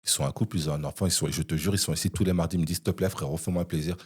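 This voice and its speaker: A young man, a podcast guest, telling an animated anecdote in casual chat, with frequent "you see" asides. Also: low-pitched, racing, breathy edge.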